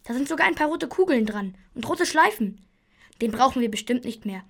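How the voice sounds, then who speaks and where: A woman voicing a stubborn, high-voiced boy. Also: expressive, brisk. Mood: excited. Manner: indignant, insistent, repeats himself. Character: stubborn, kind-hearted young boy. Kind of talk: children's radio play.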